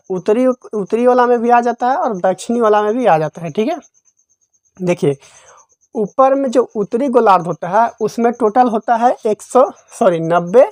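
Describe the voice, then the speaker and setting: A woman's voice: mid-range voice, darkish tone, no room sound. Woman teaching geography in a dry voice-over. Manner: repetitive quiz-style, asks and answers her own questions. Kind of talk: exam-prep lesson.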